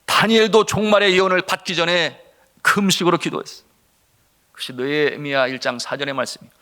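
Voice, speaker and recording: A middle-aged man, a senior pastor, preaching a sermon with a personal testimony, speaking to the congregation directly and moving between loud urgency and hushed tones. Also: on the high side, fairly even intonation, a little fast, smooth. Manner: impassioned, swinging from loud to hushed, addresses the congregation.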